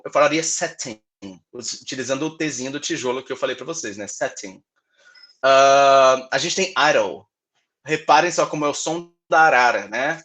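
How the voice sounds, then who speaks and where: A man's voice: medium pitch, fairly bright tone. A man from Brazil giving a workshop lecture on English pronunciation, explaining patiently and repeating example words with frequent check-in tags.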